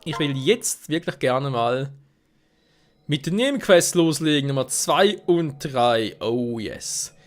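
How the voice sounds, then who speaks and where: A man's voice: mid-range voice, expressive, slow pace, soft background music. A man hosting a let's play, casually commenting on gameplay and talking to viewers as friends. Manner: chatty, addresses viewers as friends.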